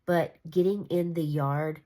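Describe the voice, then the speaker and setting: A tarot reader with a congested, nasal voice gives a casual reading that meanders, reassuring the listener amid fillers and restarts. Her voice is low-pitched, steady and warm, and she speaks unhurriedly.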